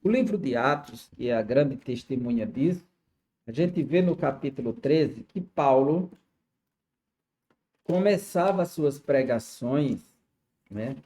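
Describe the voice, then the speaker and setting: A man's voice: mid-range voice, expressive, slow pace, pauses often, mellow. A man with a Brazilian Portuguese accent teaching a Sunday school Bible lesson, explaining as he goes and often checking in with "né?". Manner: explanatory, with frequent "né?" and "tá certo?" checks.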